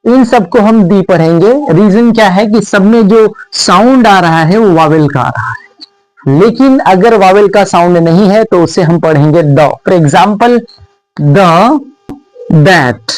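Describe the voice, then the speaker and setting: Slow, high-voiced Hindi-accented teacher. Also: male voice, a little mellow, dry recording, faint music behind, poor audio. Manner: explains step by step, repeats example words slowly; asks the viewers questions. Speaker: English teacher. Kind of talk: spoken English lesson.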